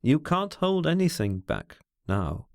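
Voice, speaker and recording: A man reading aloud, voicing a brooding, bitter man who talks over his feelings in an introspective, measured way. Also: on the high side, big pitch swings, gravelly, a little mellow, exaggerated voice. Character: brooding, scornful, self-searching man.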